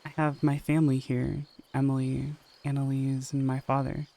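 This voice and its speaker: A man voicing a hesitant young woman, flat-toned. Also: medium pitch, moderate pace, vocal fry, natural voice. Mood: torn. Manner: hesitant, torn. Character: young pregnant woman torn between love and family. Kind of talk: audio story reading.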